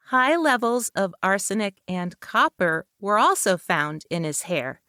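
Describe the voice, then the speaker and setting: Woman podcast co-host reading a narrated segment. Unhurried and measured, with a close, dry sound. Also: medium pitch, big pitch swings, sharp tone, no room sound. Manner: measured storytelling delivery, light personal asides. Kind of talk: reading researched narration with casual asides.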